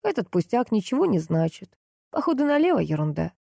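A woman voicing a stern, wealthy older man who talks gruffly and later wheezes for air. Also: mid-range voice, sing-song, brisk, mellow, no echo, studio quality, pitched above the performer's own voice. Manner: gruff, then wheezing and gasping.

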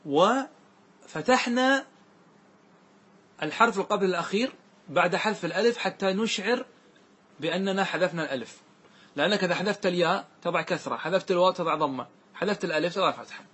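Husky-voiced male grammar teacher. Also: sits high, animated, fairly bright tone. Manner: questions the class often and repeats key points; recites verse lines slowly and drawn out. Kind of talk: classroom lesson.

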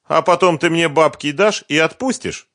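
A man's voice: on the high side, normal speed, fairly bright tone, no room sound, clean studio sound, voice pushed up. A man voicing a scornful, menacing gangster boss in an audiobook, taunting and barking demands. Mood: demanding.

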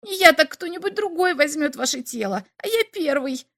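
A woman's voice: high voice, lively intonation, normal speed, a bit bright, no echo, studio quality, pitched above the performer's own voice. A woman voicing a small male alien who begs in a breathless, wheedling way. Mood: desperate.

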